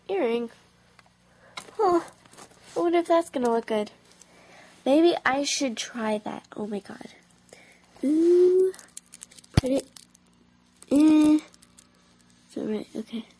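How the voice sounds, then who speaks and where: A woman chatting playfully as she dresses up toys, now and then dropping into soft whispered asides. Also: high voice. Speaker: toy dress-up vlogger. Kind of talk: casual playful chat.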